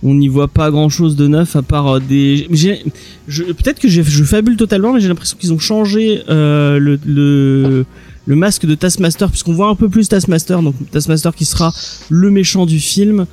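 A man hosts a casual film podcast. His voice is slightly high and warm, and he talks hesitantly, often restarting his sentences. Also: normal speed. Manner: hesitant, many fillers and restarts. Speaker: podcast host.

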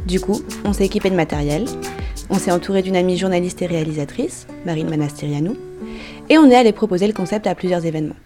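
A woman who produces and hosts the podcast, telling the story of its making in a clear, steady scripted narration. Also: fairly low pitch, quick pace. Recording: guitar music playing under the voice.

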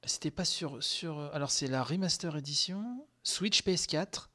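A man hosting a podcast, reacting live to a game conference, excitable and gushing, with many fillers and sighs, tired from sleepless nights. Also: a little high, normal speed. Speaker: podcast host.

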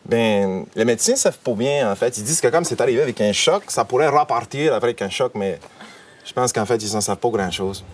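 A man from Quebec with a Québécois accent, acting out a comic scene in a lively, laughing tone. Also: medium pitch, fairly quick, far from the mic.

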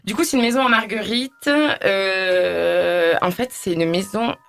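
A woman's voice: mid-range voice, measured pace, gravelly, background noise. A woman telling a ghost story on a radio show, hesitant, with many fillers. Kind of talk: casual storytelling. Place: radio studio.

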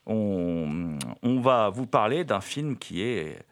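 A man's voice: fairly low pitch, expressive, slow, clear, resonant tone. Male film-review host, casual and enthusiastic, stumbling delivery with frequent fillers and restarts. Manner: hesitant, many fillers and repeated words.

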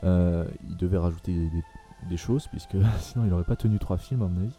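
Hesitant low-voiced man with dark tone. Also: a little fast, faint music behind. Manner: hesitant, many fillers and restarts. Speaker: podcast host. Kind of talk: casual film discussion.

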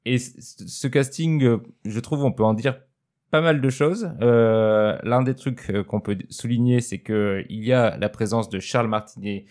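A man's voice: medium pitch, measured pace, a little mellow. A man co-hosting a casual talk show, chatting with many hesitant fillers. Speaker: podcast co-host. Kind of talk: casual chat.

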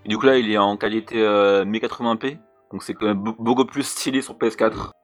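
A man's voice: fairly low pitch, fairly even intonation, fast talker, soft background music. A young man co-hosting a casual gaming podcast, laid-back and hesitant, stumbling through his descriptions with fillers. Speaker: podcast co-host.

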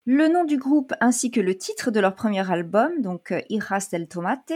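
A woman's voice: mid-range voice, animated, moderate pace, darkish tone. A woman co-hosting a casual podcast chat, talkative and laughing often, with many fillers. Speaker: podcast co-host.

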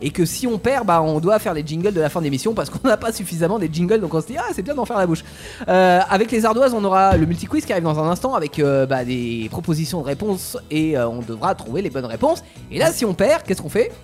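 A man's voice: high-pitched, very animated, fast talker, few pauses, soft background music. A man hosting a live radio show from a studio, playful and joking, with many hesitant fillers.

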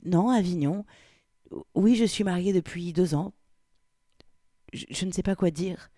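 A woman's voice: fairly low pitch, measured pace, no room sound, clean studio sound. Woman reading as a shy, hesitant young wife. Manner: hesitant, soft-spoken.

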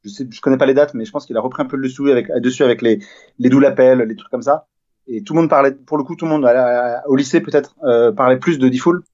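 A man's voice: mid-range voice, fast, a little mellow. A man reminiscing in a casual remote chat, rambling and hesitant with fillers, over dull lo-fi audio. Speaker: podcast guest.

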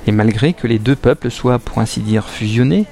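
A man giving scripted narration of an audio drama in a steady storytelling manner. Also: medium pitch, moderate pace, creaky.

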